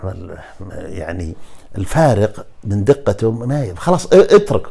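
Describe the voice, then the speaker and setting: A man's voice: lowish voice, big pitch swings, moderate pace, vocal fry, dark tone. A man with a Najdi Saudi accent, hosting a casual solo podcast monologue and talking loosely to the listener. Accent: Najdi Saudi Arabic. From Najd, Saudi Arabia. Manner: loose, rambling, addresses the listener directly. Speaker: podcast host.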